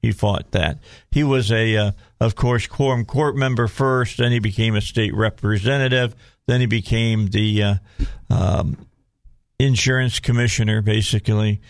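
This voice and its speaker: A male radio host with a low voice and a Southern US accent. He talks casually and folksily, circling back over his own phrases. The sound is close and dry, with no room to it. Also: fairly even intonation, normal speed, no echo. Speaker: radio talk show host. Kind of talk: casual conversational talk radio.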